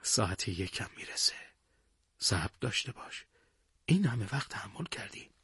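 A resolute wartime commander who speaks in quiet, steady orders, as a male narrator reads him. The voice is husky and breathy, recorded dry and close like an audiobook. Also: fairly low pitch, no room sound, full character voice. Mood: calm reassuring. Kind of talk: audiobook character voice.

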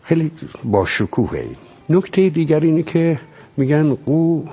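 Deep-ish husky guy musing, voice goes up and down a lot. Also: sing-song, mellow, muffled recording, soft background music. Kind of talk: conversational explaining.

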